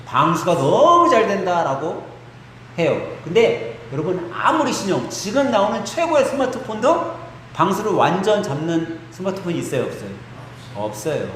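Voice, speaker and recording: Animated high-voiced preaching man, echoing hall. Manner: animated preaching, rhetorical questions to the congregation. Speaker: pastor. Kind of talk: sermon. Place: church sanctuary. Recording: echoey church hall with faint noise.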